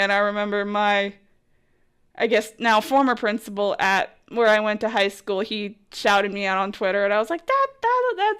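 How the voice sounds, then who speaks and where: A young woman hosting a podcast, telling a chatty, excitable story with lots of "like" and "oh my gosh" as she quotes herself. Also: mid-range voice, smooth. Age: young adult. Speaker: podcast host and college sports broadcaster. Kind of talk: casual storytelling monologue.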